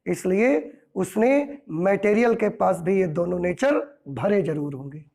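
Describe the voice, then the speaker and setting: A male physics teacher lectures with a high-pitched voice. His tone has a rough, gravelly edge. He explains patiently and keeps checking that his students follow with rhetorical questions. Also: takes it slowly, mellow. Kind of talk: classroom lecture.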